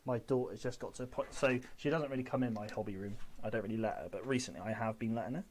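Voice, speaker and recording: A man's voice: mid-range voice, fast talker, a little mellow, slight background noise. A man in his twenties chatting casually while painting models on a hobby stream, rambling and correcting himself as he goes. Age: 20s.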